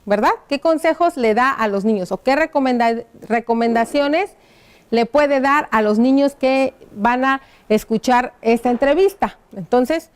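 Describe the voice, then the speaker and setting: A woman teaching a primary school lesson on TV, talking slowly and patiently and spelling out each word as she writes, checking in with the children. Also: fairly high pitch, smooth. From Mexico. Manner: asks the pupils rhetorical check-in questions. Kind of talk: classroom lesson on TV.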